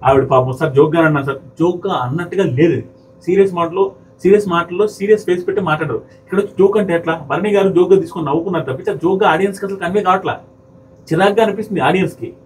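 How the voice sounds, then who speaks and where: Fast, high-pitched man ranting on a show. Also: far from the mic, a little hiss or hum, rough recording. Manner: heated, argumentative, mimics quoted speakers. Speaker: commentator reviewing a reality show episode. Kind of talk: fast opinionated commentary to viewers.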